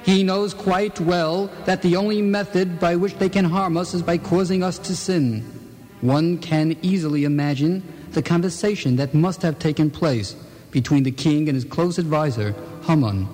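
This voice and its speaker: A man's voice: on the high side, normal speed, a little mellow, soft background music, close to an everyday voice. An actor playing a respected male rabbi and teacher who speaks earnestly and solemnly.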